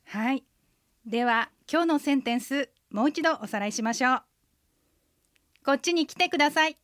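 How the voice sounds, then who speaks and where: A woman, an interpreter guide, co-hosting a radio language lesson and leading the listeners through patient, clear pronunciation drills. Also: high voice, moderate pace, fairly bright tone, no echo, studio quality.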